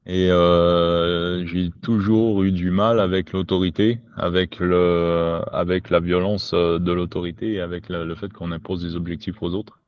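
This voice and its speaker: A survival instructor from Quebec, Canada, joins a podcast as a guest, talking spontaneously and informally with slangy, sweary phrasing. His low voice is steady and unhurried with few pauses, on a lo-fi home recording with no echo.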